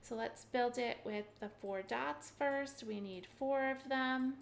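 This middle-aged woman, a mahjong teacher, walks through a screen-share tutorial on her webcam step by step, upbeat and chatty with plenty of ums. Her voice is fairly high and has vocal fry, and she takes things slowly. There's slight background noise.

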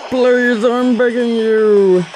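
A woman's voice: a little high, fairly even intonation, crowd noise, voice pushed up, poor audio. A woman voicing a cowardly, apologetic male genie from a video game, in a pleading manner. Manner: slow, pleading. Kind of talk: reading game dialogue in character.

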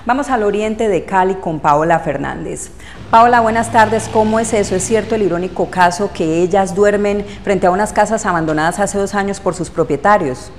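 A woman in her thirties introduces a news story in a crisp, formal anchor style. Her voice rings with a long reverb. A faint hiss sits under it. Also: medium pitch, normal speed.

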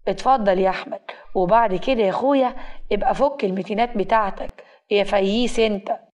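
A woman in Egyptian Arabic voicing a stern, quick-tempered young husband who talks in curt threats, in a storybook tale. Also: medium pitch, a little mellow, highs cut off, natural voice.

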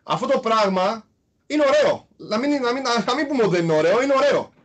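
A Greek former basketball player, appearing as a guest, recounts his past in a casual interview with a noticeably high-pitched voice. His storytelling is animated and leans on small, repeated fillers as he describes the road he traveled.

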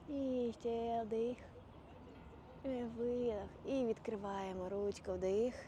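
A woman teaching a yoga class, guiding breaths and poses with calm, step-by-step cues. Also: on the high side, a little hiss or hum. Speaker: yoga instructor. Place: outdoors.

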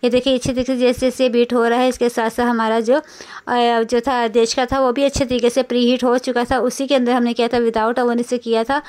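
A woman's voice: a little high, little pitch movement, fairly quick, darkish tone, clear, resonant tone. A woman narrating a home cooking video, patiently explaining each step and repeating instructions. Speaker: cooking vlogger. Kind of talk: recipe voice-over narration.

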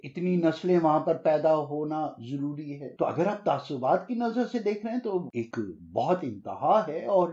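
A man gives a conversational lecture, fielding audience questions and dropping English phrases into his talk. His voice sits a little high but sounds mellow and dark. The recording is dull and lo-fi. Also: lively intonation, few pauses. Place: lives in Sweden.

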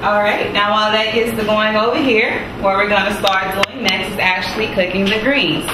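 Her voice is mid-range and steady at a normal speed as this cooking show host guides viewers step by step through a kitchen demo. She's chatty and folksy, often saying "gonna go ahead," while a distant mic picks up room echo, loud music, and background noise.

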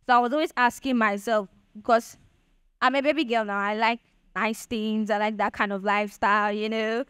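A woman's voice: fairly high pitch, fairly even intonation, normal speed, fairly bright tone, smooth, no room sound. A young woman with a Nigerian accent giving a chatty motivational talk to an audience, often checking "do you understand?". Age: young adult. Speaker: speaker at a Bitcoin event.

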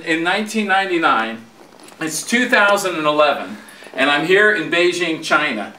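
A man's voice: high-pitched, bright, forceful tone, far from the mic. A man in his fifties speaking emphatically and repetitively to camera as a hypnotist promoting his training. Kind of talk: promotional talk to camera and live demonstration. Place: hotel room and airport, indoors. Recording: roomy echoing camera sound.

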